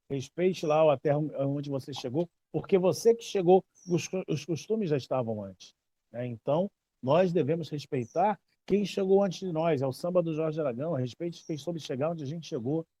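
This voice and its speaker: Speaking at length in a casual, explanatory way, a babalawo teacher in his fifties from Brazil uses a warm, mellow voice that sits slightly high, with a Brazilian Portuguese accent. He tells stories with lively emphasis and repeats himself to drive points home. The audio is dry and close, free of room echo.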